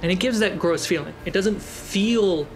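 A high-pitched man serves as game master for a tabletop fantasy game, narrating in deliberate, halting phrases while music plays behind him.

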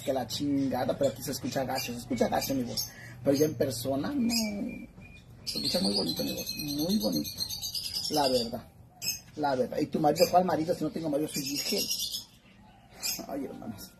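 A man's voice: fairly high pitch, background noise. A man with a Mexican accent chatting on a phone live stream, campy, brash and foul-mouthed, calling his viewers sisters. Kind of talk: casual live-stream chat.

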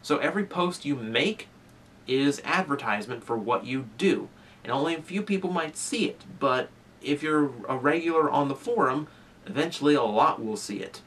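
Surrounded by toy shelves in a small indoor room, the young reviewer talks earnestly to camera, using fillers and restarts and gesturing with both hands. His medium-pitched voice is expressive and fairly bright at a normal speed. It's recorded from a distance, and there's a little background noise.

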